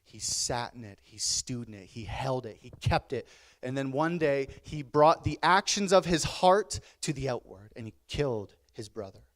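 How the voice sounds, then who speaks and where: A man's voice: mid-range voice, lively intonation, moderate pace. A man in his thirties, a pastor preaching a sermon in his church, telling personal stories candidly and building to emphatic bursts. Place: church sanctuary.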